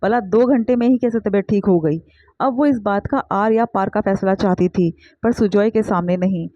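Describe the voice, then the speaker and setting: A woman narrating a scripted family story in a steady, even storytelling voice on a dull lo-fi recording. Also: medium pitch, moderate pace, no room sound.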